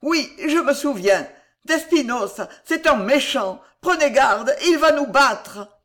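A reader voicing a grown man driven mad, childlike and terrified, in an audiobook, with high, loud, frantic outbursts. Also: big pitch swings, extremely slow, exaggerated voice. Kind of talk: audiobook reading.

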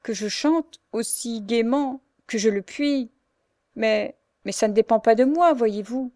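A woman voicing a meek, mistreated blind young woman who pleads softly and slowly through tears. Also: medium pitch, no echo, studio quality, lightly acted. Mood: tearful. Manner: soft, slow pleading. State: sobbing, tearful. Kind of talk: audiobook character reading.

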